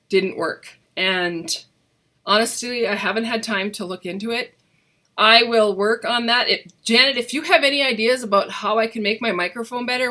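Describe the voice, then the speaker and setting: A woman's voice: mid-range voice, bright, forceful tone. A middle-aged woman chatting enthusiastically and ramblingly as she hosts a casual live craft tutorial, with a hollow, cave-like off-mic sound. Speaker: crafting host and demonstrator.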